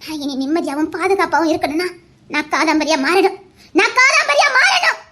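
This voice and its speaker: A woman's voice: high voice, steady tone, fast talker, natural voice. A woman voicing a hurt young bride-to-be who refuses a marriage. She speaks Tirunelveli Tamil in a bitter, tearful, defiant manner.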